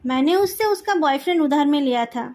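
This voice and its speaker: A woman's voice: sits high, animated, a little fast, a little mellow. A woman voicing a defiant young woman who stands up to her parents, in a fan story read aloud.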